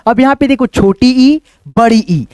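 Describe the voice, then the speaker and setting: A man teaching a beginners' online lesson, addressing viewers as friends again and again and slowing down to spell sounds out. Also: very high voice, darkish tone, clean tone, dry recording. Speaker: English teacher. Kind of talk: online lesson explaining letters.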